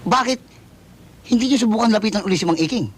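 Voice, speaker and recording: A touchy comic guy, fairly high voice, bickering tone, sitcom delivery. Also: lively intonation, fast, slight background noise. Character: touchy, comic young man, quick to bicker. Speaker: sitcom character. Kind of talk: sitcom acting.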